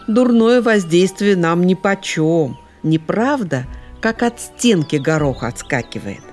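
A woman voicing a wise, unflappable owl in a storybook, speaking calmly and slowly. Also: on the low side, soft background music. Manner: calm, measured, slow.

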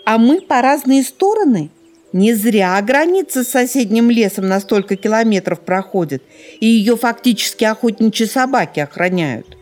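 A woman voicing a nosy, accusing female magpie in a storybook reading, with excitable exclamations. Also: a little high, normal speed, pitched above the performer's own voice, close to an everyday voice. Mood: indignant.

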